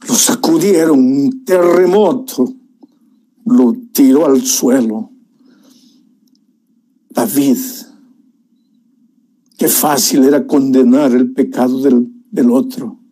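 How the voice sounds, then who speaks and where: Male preacher, emotional storytelling sermon, dark mellow tone, slightly husky. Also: medium pitch. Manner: emotional storytelling, addresses listener warmly as dear one.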